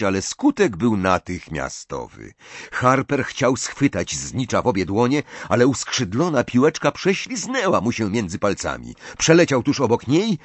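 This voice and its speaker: Lively male audiobook narrator. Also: lowish voice, dry recording. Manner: lively, expressive reading. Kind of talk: scripted narration.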